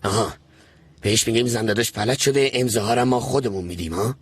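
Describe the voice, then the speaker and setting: An actor playing a scheming, desperate uncle in debt who rambles and pushes others, in a dubbed TV drama. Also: male voice, lowish voice, husky. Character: scheming, desperate middle-aged man. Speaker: uncle in debt chasing an inheritance.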